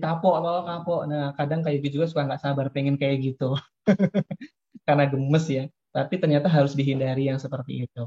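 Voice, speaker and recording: A man, a child psychologist, giving a lively parenting seminar talk, speaking straight to the parents and laughing now and then. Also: mid-range voice. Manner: lively, addresses parents directly, often laughs. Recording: dull lo-fi recording.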